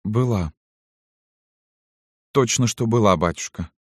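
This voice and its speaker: A man's voice: mid-range voice, moderate pace, dry recording, studio quality, pitched above the performer's own voice, close to an everyday voice. A man voicing a young peasant girl who speaks in a trembling, throaty voice, desperate and defiant. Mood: trembling defiance. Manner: trembling, throaty, pleading outbursts.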